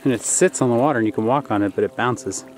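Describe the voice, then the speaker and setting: A man in his thirties chatting casually on a hike in the woods, relaxed and loose with many fillers. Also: mid-range voice, quick pace, soft background music. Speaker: vlogger. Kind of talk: casual outdoor vlog chat. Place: outdoors in the woods by a lake. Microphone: camera mic, some distance away. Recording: distant outdoor mic with noticeable noise.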